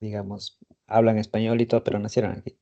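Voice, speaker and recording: A man with an Ecuadorian accent talks casually, weighing his thoughts as he goes. His voice is gravelly and warm, at a middle pitch. The recording sounds a bit dull and lo-fi. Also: level tone, fast. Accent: Ecuadorian Spanish. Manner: reflective, hesitant, thinking aloud. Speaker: podcast co-host. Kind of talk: casual conversation. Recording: slightly dull lo-fi audio.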